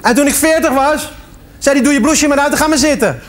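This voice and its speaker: A man telling jokes in a lively way, dropping his voice low when he plays an old woman. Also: quick pace. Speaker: joke teller.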